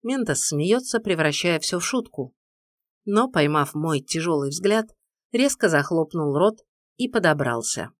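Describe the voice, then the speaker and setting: A woman reading a first-person audiobook in an even, measured storytelling manner. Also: deep voice, no room sound, studio quality. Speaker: audiobook narrator.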